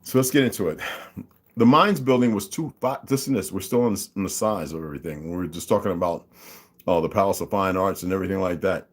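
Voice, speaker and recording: Low and fast, this man's voice carries a casual monologue on his own channel. He airs his opinions with emphatic, mocking interjections, calls out figures one by one, and invites viewers to follow along.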